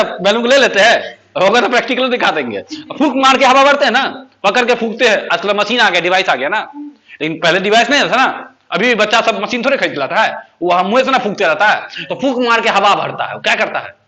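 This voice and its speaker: A man's voice: high voice, animated, a little fast, bright, forceful tone. A man teaching a basic English class, joking, laughing often and quizzing his students with repeated questions.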